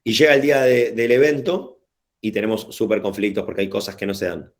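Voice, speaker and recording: A man with a Rioplatense Spanish accent runs a workshop over a video call, his voice sitting fairly low. He talks in a loose, slangy, wandering way, often restarting a phrase before he finds the right words. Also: brisk. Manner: casual, digressive, slangy, hesitant restarts. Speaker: workshop facilitator. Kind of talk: informal online workshop talk.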